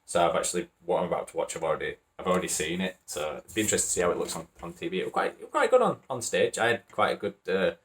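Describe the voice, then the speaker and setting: This is a man with a broad Wakefield accent hosting a reaction video. His voice sits low, and he rambles in a relaxed, chatty way. He breaks into easy chuckles as he goes. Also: racing, hardly any pauses, a little hiss or hum. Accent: Wakefield, Yorkshire. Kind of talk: casual reaction commentary.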